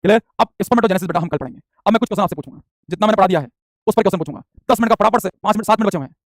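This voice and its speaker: Male biology tutor, very fast, energetic drill-style lecturing, dry close mic. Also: sits high, no room sound. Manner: energetic, repetitive drilling, calls students beta. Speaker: biology teacher. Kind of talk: live online exam-prep lecture.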